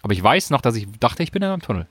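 A man co-hosting a casual podcast, talking in a relaxed, hesitant way. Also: mid-range voice, racing, no room sound. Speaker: podcast co-host.

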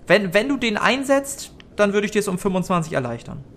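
High-voiced man running a tabletop game. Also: very animated, a little fast, slight background noise. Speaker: game master. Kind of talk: narrating a tabletop role-play.

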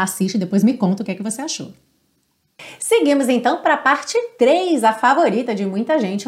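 Lively Brazilian woman teaching English. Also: on the high side. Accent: Brazilian Portuguese. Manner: lively, encouraging, slows down to model English phrases. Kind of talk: online language lesson.

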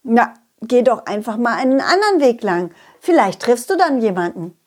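Playful high-voiced woman telling a children's story. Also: very animated, normal speed. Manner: playful and coaxing.

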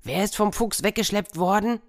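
A hard-of-hearing old farmer from a children's fable, as a woman reads him. He speaks loudly and sounds puzzled, asking everything twice. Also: medium pitch, normal speed, no room sound, studio quality, voice pushed up, natural voice. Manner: puzzled, loud.

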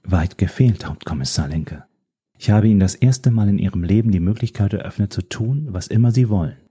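A man's voice: on the low side, husky. A man voicing a cool, mysterious woman informant. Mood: cool, composed. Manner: measured, composed, quietly menacing.

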